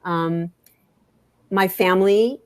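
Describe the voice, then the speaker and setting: A woman author with a fairly low, slightly mellow voice speaks candidly as a podcast interview guest. Her delivery is halting, circling back to repeat phrases for emphasis, and the sound is quite dry with little room echo.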